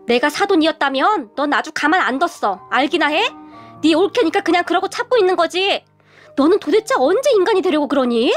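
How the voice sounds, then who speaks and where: Woman playing a sharp-tongued older mother-in-law, scolding, lively high voice. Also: brisk, faint music behind. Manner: scolding, sighing.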